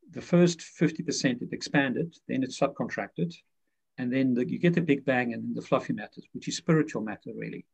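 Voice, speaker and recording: A man's voice: medium pitch, vocal fry, a little mellow, slightly rough. A man, a guest author, explaining his ideas in a rambling way full of fillers and restarts. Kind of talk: conversational explanation. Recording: muffled lo-fi audio.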